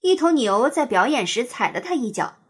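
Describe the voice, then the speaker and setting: A woman narrates a children's picture book in an expressive, sing-song way. Her voice sits fairly high with a husky, breathy texture. Her pitch swoops and bounces lively through each line. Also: moderate pace. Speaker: storyteller.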